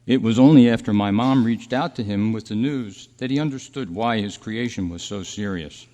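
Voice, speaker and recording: An actor and announcer with a lowish, warm voice plays Roy, the wistful, peaceful spirit of a dead thirty-three-year-old man, in a staged radio drama. His storytelling is earnest, measured and lightly acted, performed at a live club meeting in a hall with long reverb.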